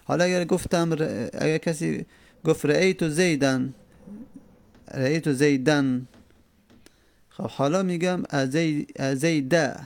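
Male grammar teacher, gravelly voice, dry close sound, patient step-by-step explanation with hesitations. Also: a little high, pauses often, no room sound. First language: Persian. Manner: explains step by step, repeating forms, many hesitations. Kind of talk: Arabic grammar lesson.

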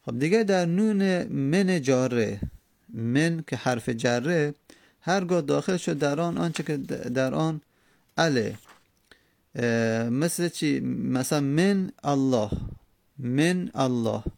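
Gravelly-voiced man teaching grammar. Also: a little high, long pauses, a little mellow. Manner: patient, repeats examples, rhetorical questions. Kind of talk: classroom lesson explaining grammar rules.

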